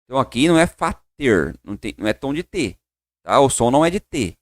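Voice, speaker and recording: A Brazilian man teaching English online, upbeat and encouraging, drilling slow repetitions of words. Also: medium pitch, very animated, no echo, clean studio sound. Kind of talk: online English lesson for Portuguese speakers.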